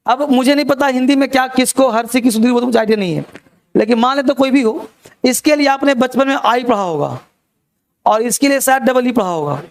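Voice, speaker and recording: A man's voice: very high voice, a little fast. A man teaching a spelling lesson to a class, repeating key words and quizzing his students. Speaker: English teacher.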